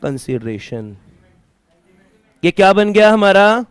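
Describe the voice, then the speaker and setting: A man's voice: high voice, very animated, slow, smooth, no echo, studio quality. A man teaching a classroom lecture, asking students questions and mixing English terms into his talk. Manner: mixes Hindi with English terms.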